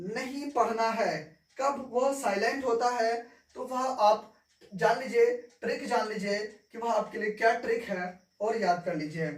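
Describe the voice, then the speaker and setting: Slow, echoey woman teacher. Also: fairly high pitch. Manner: repeats points, asks "clear?" often. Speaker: English teacher. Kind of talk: classroom-style lesson. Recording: echoey room, mic far off.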